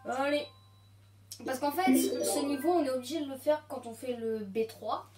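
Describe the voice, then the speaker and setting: Jumpy woman gamer narrating her play in a roomy space, with loud game music running behind her. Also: sits high, normal speed. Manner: excitable, yelps when startled, repeats phrases to calm herself. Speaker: video game commentator. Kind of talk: casual let's-play commentary.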